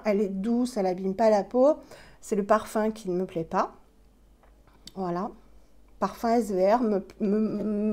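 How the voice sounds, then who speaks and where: A woman's voice: mid-range voice, mellow. A middle-aged woman, slightly out of breath, chatting casually as she shows skincare products on a home vlog. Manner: chatty, many fillers and restarts, demonstrating products. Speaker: beauty vlogger. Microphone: plugged-in microphone.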